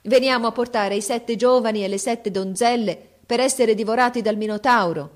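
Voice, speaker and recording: Brief: woman reader voicing a bewildered seafaring pilot, man, chatty and a bit raised in pitch, storybook tale. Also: fairly quick, natural voice. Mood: solemn. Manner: wondering, rambling speech. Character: male ship's pilot, puzzled, talkative.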